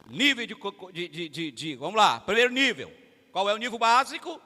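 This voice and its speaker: A man's high voice, very animated and sharp, moves at normal speed as he preaches to a family service with a Brazilian Portuguese accent. He talks conversationally, addressing the congregation head-on. The large church hall sounds echoey.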